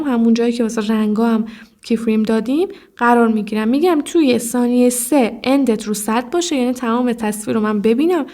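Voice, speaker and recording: A woman's voice: a little high, a little mellow. A woman guiding viewers step by step through a mobile video editing app, talking to them directly. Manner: explanatory, addresses viewer directly, frequent "look". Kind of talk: step-by-step screen tutorial.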